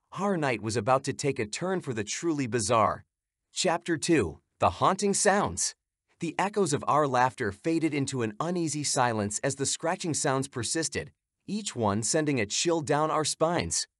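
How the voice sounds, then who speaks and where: A man's voice: mid-range voice, sing-song, normal speed, no echo, studio quality. A man giving scripted, suspenseful narration of a horror story.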